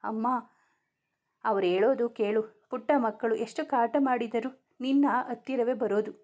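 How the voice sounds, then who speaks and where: A woman voicing a kind grandmother in a story, gently advising her daughter-in-law. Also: fairly high pitch, fairly even intonation, moderate pace, highs cut off, close to an everyday voice. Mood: gentle advising.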